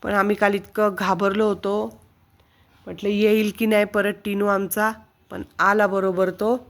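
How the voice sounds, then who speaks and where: A woman's voice: medium pitch, level tone, measured pace. A woman in a casual home vlog, talking in coaxing baby talk to her pet parrot. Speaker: vlogger.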